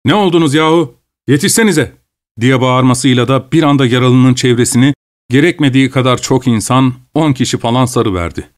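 Man narrating a war story gravely. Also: medium pitch. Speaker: audiobook narrator. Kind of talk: scripted literary narration.

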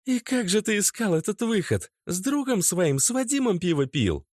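A woman's voice: on the low side, big pitch swings, unhurried, darkish tone, no echo, clean studio sound, voice pushed up. A man voicing an angry, disbelieving young woman who snaps accusations at her boyfriend. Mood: furious. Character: young woman, quick-tempered, sharp-tongued girlfriend.

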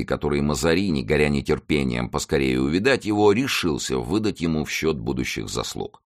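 A man narrating an audiobook in an expressive, measured reading. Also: rumbling low, no echo, studio quality. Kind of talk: scripted narration.

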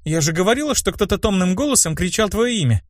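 A man's voice: high-pitched, animated, fast talker, no room sound, clean studio sound, voice pushed up. A man voicing a blunt little girl. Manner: blunt, matter-of-fact.

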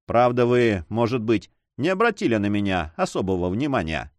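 A man's voice: lowish voice, sing-song, moderate pace, no echo. A man voicing a confident French adventurer who teases with a smirk in his tone. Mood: mocking. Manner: teasing, self-assured. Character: mocking confident French adventurer, adult male.

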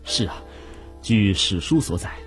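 An easygoing prison clerk. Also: male voice, on the low side, expressive, a little slow, over music. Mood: polite. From Nanchang, China. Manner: polite, easygoing. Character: mild-mannered middle-aged male prison clerk and father. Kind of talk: radio drama acting.

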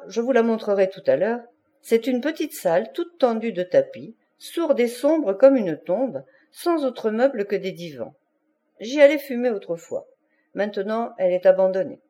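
A woman narrating an audiobook in an even, measured way. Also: a little high. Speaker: audiobook reader.

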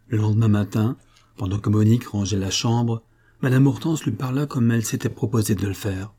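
A man reads a novel aloud in a measured, even narration. His voice is low and dark with a husky edge. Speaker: audiobook narrator. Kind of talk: scripted narration.

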